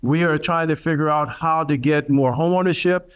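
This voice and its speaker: Older guy giving a talk at a symposium, kinda high voice, lots of uhs, earnest. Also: smooth. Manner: earnest, halting, many fillers. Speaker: panel speaker for a real estate group. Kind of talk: public speech at a symposium.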